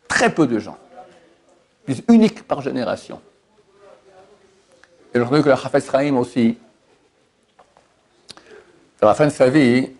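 Impassioned man preaching, gravelly voice. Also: darkish tone. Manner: impassioned, rising to high emphatic peaks; addresses listeners directly, rhetorical questions. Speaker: rabbi giving a Torah lesson. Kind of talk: sermon.

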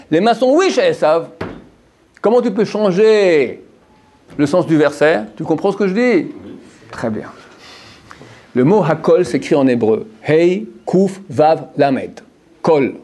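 A man's voice: on the high side, a little mellow. A man giving a Torah lesson to a group of men, repeating phrases and putting questions to his listeners. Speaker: Torah teacher.

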